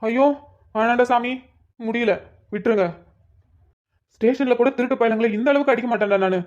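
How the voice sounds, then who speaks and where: A woman's voice: on the high side, fairly quick, a little mellow, lightly acted. A woman voicing a male friend in a cartoon who complains and teases in banter. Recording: dull lo-fi recording.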